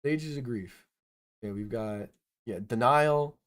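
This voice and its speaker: A man's voice: mid-range voice, slow. A young man hosting a reaction commentary, ranting incredulously with stumbling restarts and repeated words. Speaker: online video host.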